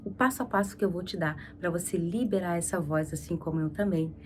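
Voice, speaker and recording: A woman speech therapist with a Brazilian Portuguese accent, teaching a vocal exercise lesson, drawing out demonstration words slowly and instructing in an encouraging way. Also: lowish voice, darkish tone, distant mic, a little hiss or hum. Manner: slow prolonged demonstration words.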